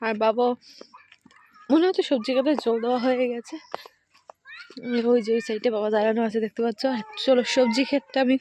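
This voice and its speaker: A woman from India talks quickly into her phone camera, her voice set a little high. She is walking between village houses and fields, worn out from the walk, and speaks softly as she passes neighbours' yards. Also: slight background noise. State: tired and hungry from walking. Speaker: village lifestyle vlogger. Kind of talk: casual vlog narration while walking. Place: outdoors on village paths and fields, then at home. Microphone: handheld phone camera.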